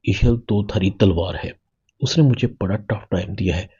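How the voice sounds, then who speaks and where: A man reading the cool, calculating lines of a scheming young woman, in a husky low voice. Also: warm tone, muffled recording.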